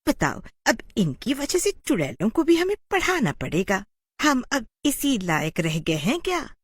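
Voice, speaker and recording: A woman's voice: on the high side, sing-song, a little slow, slightly rough, no echo, pitched above the performer's own voice, exaggerated voice. A woman voicing a snooty female schoolteacher who grumbles scornfully, in a storybook tale.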